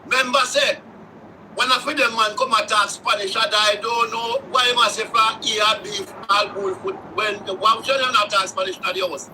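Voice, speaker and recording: A man's voice: high voice, steady tone, normal speed, bright, forceful tone, recorded from a distance, slight background noise, low-quality recording. A Jamaican man calling in to a stream, explaining his point in a folksy, plain way.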